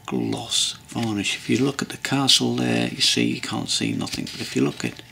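A man's voice: medium pitch, normal speed, vocal fry, pushed and bright, slight background noise. A man casually narrating a model-building tutorial at his workbench, rambling and hesitant with many ums and restarts. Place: hobby workbench indoors.

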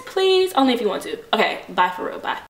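A woman's voice: lowish voice, animated, racing, vocal fry, a bit bright, reverberant, a little hiss or hum. A young Texan woman vlogging in her kitchen, chatty and casual, swearing freely and saying y'all. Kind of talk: casual vlog chat. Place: home kitchen.

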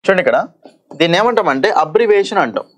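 Lively man teaching exam English. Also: high voice. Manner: explains in Telugu mixed with English terms, often asks "okay?"; reads English question text slowly and deliberately. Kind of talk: exam-prep lesson.

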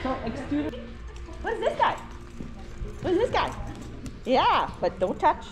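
A service dog handler vlogs casually while training her dog in an indoor shopping mall and its stores, praising and coaxing it cheerfully. Her high voice swings hugely in pitch at a measured pace, with faint music behind and loud mall noise, captured by an action camera worn low on the dog.

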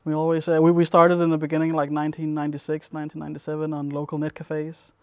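A young man from Denmark talks through interview answers at an easy, wandering pace, full of little fillers. His voice is smooth and clear, a bit high for a man, and flat in its melody. The sound is dry and close. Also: fast talker, no room sound. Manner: relaxed, rambling with many fillers. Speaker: interviewee, competitive gamer. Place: dim indoor room at a gaming event.

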